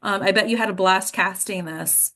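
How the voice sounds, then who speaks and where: With a fairly bright, medium-pitched voice at a moderate pace, this American woman coaches actors as host of an online discussion. Her advice is casual yet direct and emphatic, sprinkled with check-ins like "right?" and "okay."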